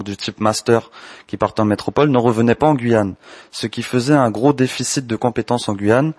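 A man in his twenties from French Guiana, answering interview questions about his business in a measured, explanatory way. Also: mid-range voice, no echo. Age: 20s. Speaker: entrepreneur, candle maker.

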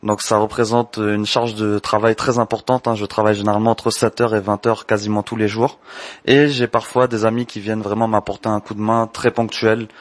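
A man in his twenties from French Guiana, answering interview questions about his business in a measured, explanatory way. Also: fairly low pitch, level tone, no room sound. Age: 20s. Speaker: entrepreneur, candle maker.

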